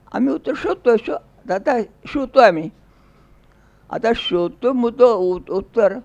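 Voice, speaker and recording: A man's voice: high-pitched, a little mellow, muffled recording. A man giving a folksy storytelling speech, acting out dialogue in a rural dialect. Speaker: public speaker.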